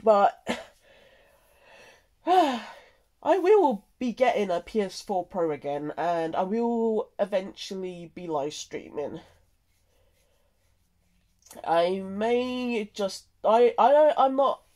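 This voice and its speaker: A content creator giving a casual, halting and rambling update, sounding tired and nasally congested from a cold. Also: medium pitch, expressive, darkish tone.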